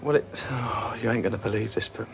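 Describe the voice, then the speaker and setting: A man's voice: on the low side, steady tone, brisk, vocal fry, slight background noise. An actor playing a flustered, apologetic man in a British TV soap. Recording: TV soundtrack with faint music.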